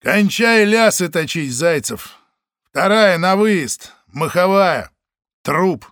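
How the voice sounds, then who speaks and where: A blunt, commanding detective, played by a male audiobook narrator. He barks short, clipped orders in a raised, animated voice. The sound is dry and close. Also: high voice, slow pace, dry recording, pitched above the performer's own voice, exaggerated voice.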